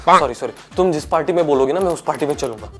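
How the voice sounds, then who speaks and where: A man's voice: fairly high pitch, rapid-fire, faint music behind. A young man in a scripted comedy sketch, playing a husband and firing off sarcastic one-liners.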